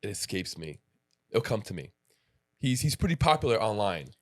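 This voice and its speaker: A podcast host in his late thirties chats casually in an interview, rambling with restarts and asides. His voice is fairly low with big pitch swings, at a normal speed.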